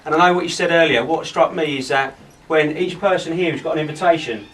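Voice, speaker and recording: A man giving an informal, halting wedding toast speech, often repeating himself as he addresses the guests. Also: on the high side, a bit bright. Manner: rambling, halting, repeats phrases. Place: wedding reception, speaking to gathered guests. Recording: distant mic in a noisy room.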